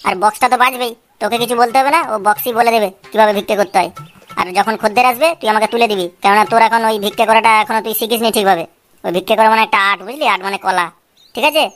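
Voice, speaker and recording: A woman's voice: fairly high pitch, rapid-fire, a bit bright, natural voice. A woman voicing a bossy, scheming adult man in a cartoon, lecturing a boy with constant checks.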